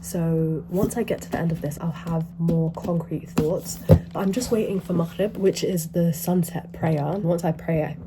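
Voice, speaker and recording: A woman's voice: fairly low pitch, background noise. A young woman with a blocked nose and short breath, chatting casually in a vlog at home by her bookshelf, rambling and upbeat with lots of "like". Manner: rambling, upbeat, fills speech with "like". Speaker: book vlogger.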